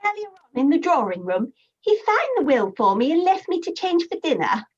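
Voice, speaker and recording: A scatterbrained, giggly posh young secretary, played by a young actress, her very high voice bouncing up and down in breathless dithers. The sound is dull and muffled, like a stage recording. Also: sing-song, a little fast, a little hiss or hum. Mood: dithering. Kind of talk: stage murder-mystery acting.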